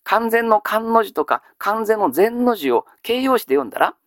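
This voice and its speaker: A male teacher giving a grammar lesson, asking questions and answering them himself, with frequent drawn-out fillers. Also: high-pitched, no echo, studio quality. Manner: steady lecturing with many drawn-out fillers; quizzes listeners then answers himself. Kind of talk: classical Chinese grammar lesson.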